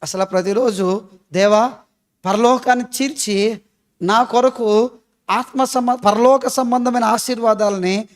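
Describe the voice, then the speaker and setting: A man's voice: extremely high pitch, fairly even intonation, a little slow, pauses often. A male pastor with a Telugu accent, preaching a sermon full of rhetorical questions and repeated emphatic phrases.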